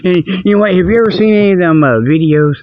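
A middle-aged American man hosts a comedic radio-style show, delivering an improvised, rambling monologue in a folksy, colloquial way, repeating himself and losing his thread. His voice is high and quick. The recording sounds dull and lo-fi, like an old radio.

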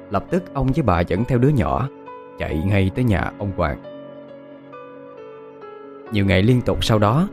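Low-voiced man telling a ghost story. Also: darkish tone. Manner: dramatic storytelling. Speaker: narrator.

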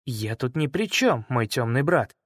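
A man voicing a calm, gentle male spirit who speaks softly and unhurriedly. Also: medium pitch, breathy edge, no room sound, studio quality, voice pushed down. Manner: soft, unhurried, gently mocking.

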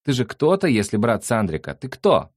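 A man voicing a flighty young party girl with a high thin voice who pesters with questions. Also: wildly swooping pitch, moderate pace, husky, no room sound, clean studio sound. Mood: pestering.

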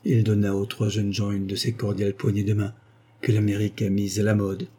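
Mellow husky male audiobook narrator. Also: on the low side, level tone, fairly quick.

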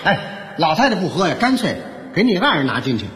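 A man playing the straight man in crosstalk comedy, firing back quick amused reactions. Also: a little high, sing-song, fairly bright tone, roomy sound, in a large hall.

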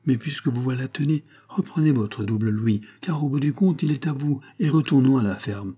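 A man's voice: medium pitch, moderate pace, warm tone, slightly rough, natural voice. A man reading aloud as a naive young peasant lad who talks in an earnest, pleading way. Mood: eager.

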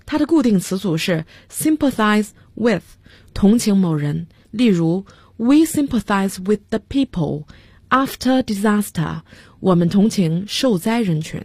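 A woman with a slightly husky voice gives a radio English vocabulary lesson. She spells each word slowly, letter by letter, and explains it with examples. The sound is dry and close, with no room around it. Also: mid-range voice, lively intonation, a little mellow, no echo. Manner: spells words out letter by letter, slow and careful. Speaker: English teacher.

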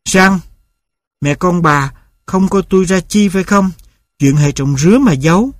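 Man doing a gruff angry old father. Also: sits high, a little slow, dry recording, studio quality. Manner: gruff, scolding.

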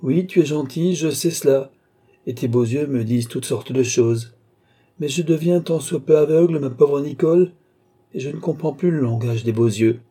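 A man's voice: fairly high pitch, moderate pace, mellow, breathy edge, voice pushed up. A man voicing an old duke and marshal in an audiobook, sly and teasing, with a lightly threatening, knowing tone. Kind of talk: audiobook reading.

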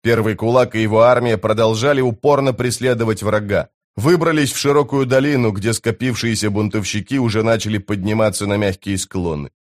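A man narrating an audiobook in a steady, even storytelling voice. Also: on the low side, brisk, few pauses. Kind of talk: scripted narration.

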